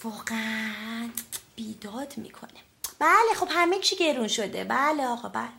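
A woman's voice: a little high, lively intonation, creaky, bright, forceful tone, slight background noise. A woman playing a fussy, chatty secretary who keeps apologizing as she fumbles phone calls. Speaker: office secretary. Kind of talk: sitcom comedy acting.

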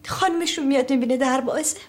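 An actress plays a high-pitched receptionist in a TV comedy. She answers everything flatly and literally, stretching her words without a hint of tact. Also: close to an everyday voice. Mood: deadpan. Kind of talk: TV comedy acting.

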